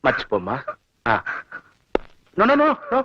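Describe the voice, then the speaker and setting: A sneering rich villain. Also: male voice, fairly high pitch, big pitch swings, brisk, a little hiss or hum. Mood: pleading. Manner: mocking, sprinkles English words. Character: rich scheming older male villain. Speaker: villain in a film. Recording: dull film audio with music score.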